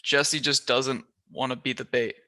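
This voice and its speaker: A man's voice: medium pitch, steady tone, unhurried, bright, forceful tone, no room sound. A man putting on a mocking boy's baby voice. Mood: teasing. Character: teasing boy sidekick in a baby voice.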